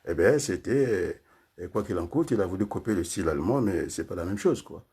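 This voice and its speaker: Rambling older man, husky low voice. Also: expressive, fairly quick, dark tone. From Congo. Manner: rambling, frequent tag questions and fillers. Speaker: political commentator. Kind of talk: casual political talk.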